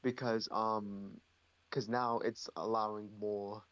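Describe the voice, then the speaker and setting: A man's voice: lowish voice, flat delivery, slow, fairly bright tone, no room sound. Laid-back man, slightly muffled sound. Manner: short agreeing replies, laid-back. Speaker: co-host reviewing a TV show. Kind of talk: casual chat.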